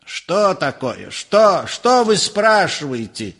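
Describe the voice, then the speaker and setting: A man's voice: fairly high pitch, lively intonation, unhurried, slightly rough. A man voicing an irritable, scornful older professor who snaps in exasperation in an audiobook. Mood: irritated. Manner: snapping, exasperated.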